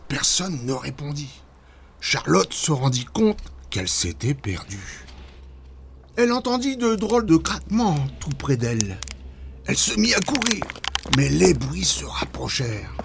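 A man narrating a children's story in an expressive, dramatic way. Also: on the high side, measured pace, vocal fry, slight background noise.

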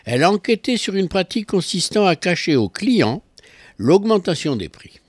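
A man's voice: high-pitched, sing-song, normal speed, slightly rough, no echo. A man giving a consumer affairs column on local radio, explaining with ironic asides.

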